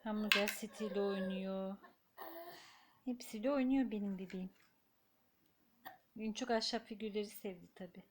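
A young woman filming her baby at home, talking slowly in a doting, cooing tone. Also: medium pitch, fairly even intonation. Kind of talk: casual home video narration.

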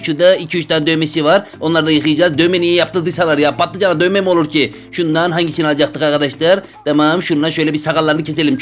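A man giving loud, jokey let's-play commentary, exclaiming a lot as he plays a virtual reality game. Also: on the high side. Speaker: gaming YouTuber.

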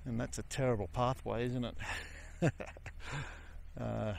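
An older Australian man chatting casually to the camera while cycling outdoors on a coastal gravel road. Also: mid-range voice, steady tone, slow, slight background noise. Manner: chatty, easygoing, talking while riding. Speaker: cycling vlogger. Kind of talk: casual ride commentary. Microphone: helmet or bike camera.

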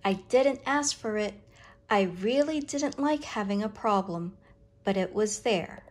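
A woman with a mid-range voice reads a picture book aloud to children, phrasing it expressively, deliberately and dramatically.

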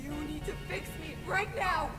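A woman's voice: very high voice, moderate pace, pushed and bright, soft background music. A woman voicing a vain, bratty female animatronic rock star in a video game, demanding and whiny.

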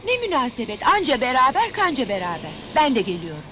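An actress playing a feisty, sharp-tongued young woman in a film comedy. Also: high voice, wildly swooping pitch, fast, a little hiss or hum, exaggerated voice. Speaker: Şaban's girlfriend. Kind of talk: 1980s film comedy acting.

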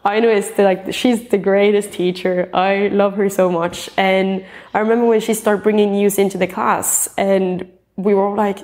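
A Norwegian pop singer-songwriter in her twenties sits in an armchair in a dim indoor room for a portrait interview, wearing a clip-on mic. Her mid-range, slightly mellow voice keeps a fairly even intonation at a moderate pace, and she's earnest and chatty, rambling with frequent fillers and restarts.

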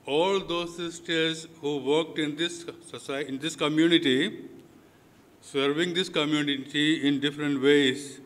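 A man speaking as a priest into a pulpit microphone, leading prayers in short, measured phrases with many pauses. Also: medium pitch, fairly bright tone. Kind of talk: liturgical address and prayers. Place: large church. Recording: long church hall reverb.

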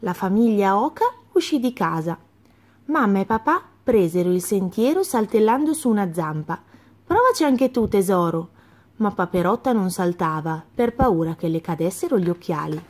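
A woman reading a children's story aloud, clear and gently expressive. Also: mid-range voice, moderate pace.

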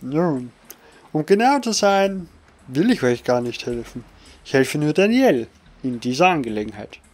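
A man voicing a smooth, guarded male informant in a pirate game, reading the lines aloud with animated delivery. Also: a little high, measured pace.

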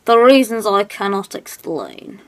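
A man's voice: high voice, wildly swooping pitch, unhurried, vocal fry, dry recording, pitched below the performer's own voice, heavily acted, rough recording. A young man voicing his grumbling puppet dummy in a homemade ventriloquist sketch. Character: cheeky puppet dummy named Emu, grumbling.

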